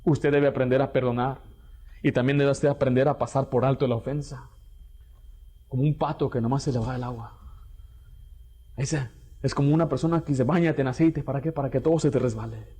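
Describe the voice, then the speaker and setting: A man preaching a radio sermon, animated and acting out quoted parents and children. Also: mid-range voice, brisk, pauses often, husky.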